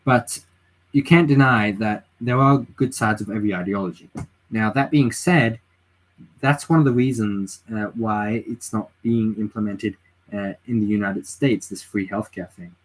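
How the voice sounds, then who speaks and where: On a late-night livestream from home, a tired man with a lowish voice talks at a moderate pace, and the recording quality is low. He's a native English speaker rambling through his opinions in casual political chat, reading chat messages aloud, often restarting and using fillers.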